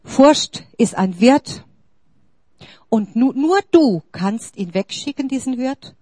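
A woman preaches a sermon in a fairly high voice, the sound dry and close. She talks emphatically and puts direct questions to her listeners. Her delivery keeps rising to exclamations. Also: animated, slow pace, dark tone, slightly rough, dry recording. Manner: addresses the congregation directly with questions.

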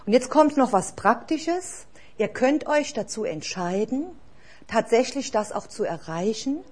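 Earnest breathy woman preaching. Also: fairly high pitch, lively intonation, unhurried, a little mellow. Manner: earnest, exhorting, with rhetorical questions. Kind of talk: sermon.

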